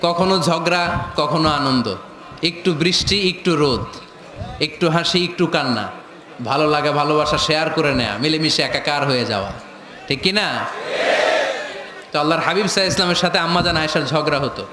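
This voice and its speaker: A man preaching a sermon to a live gathering, animated, shouting at times and joking with the crowd. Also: fairly high pitch, fairly quick, pauses often. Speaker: Islamic preacher. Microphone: handheld or stand mic over a PA. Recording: echoey PA sound with crowd.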